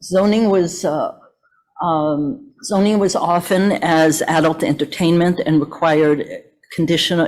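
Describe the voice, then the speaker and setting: A woman massage therapist presenting at a meeting, reading measured prepared remarks while calling for slides, her voice trembling from the cold. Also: fairly low pitch, a little mellow, low-quality recording. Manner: measured, asks for the next slide often. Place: hotel meeting room. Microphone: meeting audio from a hotel room.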